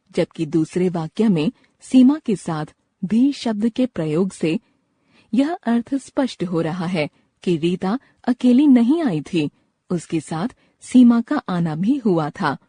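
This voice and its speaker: A woman's voice: mid-range voice, expressive, takes it slowly, dark tone, slightly rough, dry recording. A woman reading a grammar lesson aloud, going through word lists one item at a time. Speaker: grammar reader.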